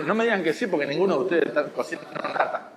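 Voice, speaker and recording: A man's voice: fairly high pitch, lively intonation, quick pace, fairly bright tone, in a large hall. A man with a Rioplatense Spanish accent giving a watercolor masterclass to students, explaining patiently and teasing them now and then. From Argentina. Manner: explanatory, teasing, checks understanding. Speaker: watercolor teacher. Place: school hall.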